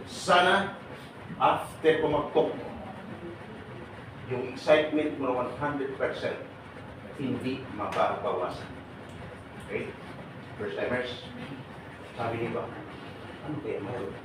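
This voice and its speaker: A man leading a seminar for departing overseas workers, joking and firing quick questions at his audience. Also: mid-range voice. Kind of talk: lively seminar talk to an audience. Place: large hall with an audience. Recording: echoey hall, mic far off, noisy.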